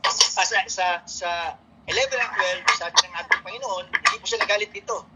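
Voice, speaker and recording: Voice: mid-range voice, a little fast, very noisy. A speaker with a Filipino accent giving a morning devotion in a casual sermon style, reading scripture aloud and often asking "no?".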